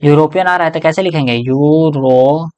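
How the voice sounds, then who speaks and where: A man's voice: on the high side, moderate pace. Teacher, man, explaining step by step in question-and-answer style, always checking the class follows. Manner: asks the class questions and answers them himself. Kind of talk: explanatory grammar lesson.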